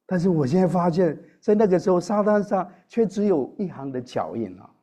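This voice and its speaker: A man's voice: sits high, animated, a little fast, warm tone, voice pushed up. A man in a sermon voicing a grieving woman who pleads with God. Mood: pleading.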